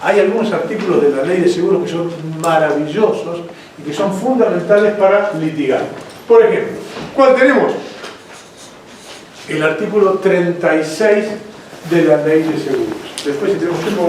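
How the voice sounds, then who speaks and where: A man with an Argentine accent giving a lively lecture, asking questions and checking in with his listeners. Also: on the high side. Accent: Argentine Spanish. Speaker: lawyer giving a seminar lecture. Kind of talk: lecture with anecdotes. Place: lecture room. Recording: echoey room from far off, faint noise.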